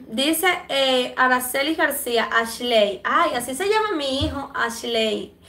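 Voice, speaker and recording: Cuban woman livestream host, higher voice, affectionate chatter, echoey room, allergy throat-clearing. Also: expressive, slow pace, fairly bright tone. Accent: Cuban Spanish. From Cuba. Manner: chatty and affectionate, many fillers. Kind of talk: casual livestream chat reading comments.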